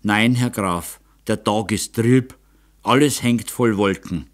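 A man voicing a cautious, tactful doctor who speaks in a measured, deferential way. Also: on the low side. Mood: somber.

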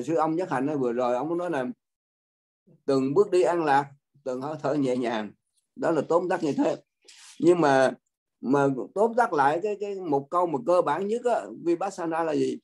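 Older monk preaching, fairly high. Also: male voice, a little mellow. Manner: folksy, repetitive, addresses listeners directly. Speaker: Buddhist monk teacher. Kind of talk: dharma talk.

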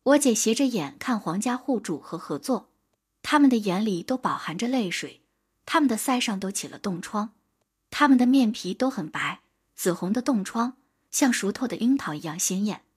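A woman narrating an audiobook in a steady, measured storytelling manner. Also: medium pitch, breathy edge.

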